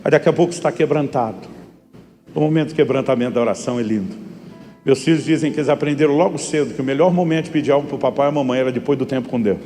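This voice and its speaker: Middle-aged Brazilian pastor, fast storytelling sermon delivery, hall reverb, faint music underneath. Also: male voice, medium pitch, dark tone. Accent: Brazilian Portuguese. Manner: storytelling preacher who acts out dialogue.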